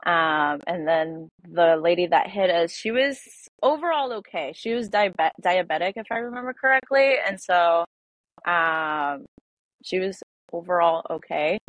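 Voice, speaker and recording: A woman's voice: on the low side, measured pace, no room sound, poor audio. A young woman in her twenties, a podcast guest, telling a personal story in a casual way with many fillers.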